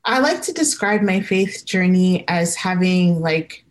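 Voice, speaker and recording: A woman's voice: fairly low pitch, animated, measured pace. A young woman from Maryland, a podcast guest who talks about her life in a reflective, thoughtful way. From Maryland, United States. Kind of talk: casual interview.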